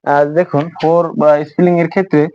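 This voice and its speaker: A man's voice: fairly high pitch, fairly even intonation, quick pace, dark tone, no room sound, dull audio. A man giving a beginner's English pronunciation lesson, talking hesitantly and repeating words with many fillers. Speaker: English teacher. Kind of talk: spoken English lesson in Bengali.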